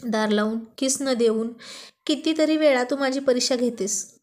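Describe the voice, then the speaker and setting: A woman's voice: high-pitched, moderate pace, darkish tone, lightly acted. A woman doing a teasing young husband. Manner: teasing, mock-scolding.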